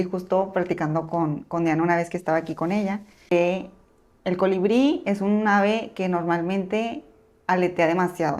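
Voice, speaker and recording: A woman podcast host, speaking in a relaxed, conversational tone as she tells a story. Her voice sits a little low for a woman.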